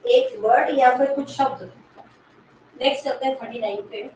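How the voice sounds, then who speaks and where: A woman English literature teacher giving an exam-prep lecture, explaining slowly, repeating key words and quizzing the class. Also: high-pitched, a little mellow. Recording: echoey room, mic far from speaker, faint noise.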